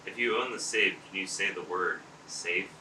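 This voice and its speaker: Man, low pitch, bright tone, casual ghost-hunting chat, distant mic, faint noise. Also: moderate pace. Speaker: fellow paranormal investigator. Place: indoors in a large old house.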